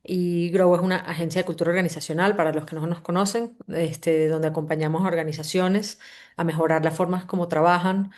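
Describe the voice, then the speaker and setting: Opening a live online book-summary session, the host, who is also the company CEO, speaks briskly in a lowish voice with a Venezuelan accent. She's relaxed and conversational, greets people warmly, and keeps looping back to restart phrases.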